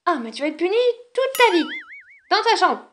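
A stern mother scolds her son in a firm toy-film voice, as a woman plays her. The voice is high and clear. She gives orders without backing down. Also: big pitch swings, moderate pace, fairly bright tone, slight background noise, exaggerated voice. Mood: scolding.

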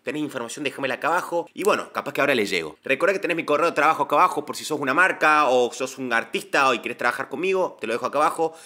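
A man's voice: medium pitch, lively intonation, very fast, few pauses, pushed and bright. A man with a Rioplatense Spanish accent hosting a reaction video, chatty, slangy and enthusiastic. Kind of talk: casual reaction commentary.

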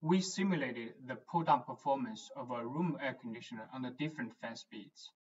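Man narrating a technical slide talk. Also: mid-range voice. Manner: measured, explanatory. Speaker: research engineer presenting simulation results. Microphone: voice-over. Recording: distant, dull lo-fi voice-over.

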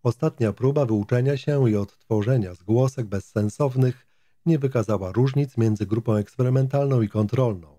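A man reading a nonfiction psychology text aloud in a steady, measured way. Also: mid-range voice, no room sound. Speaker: audiobook reader.

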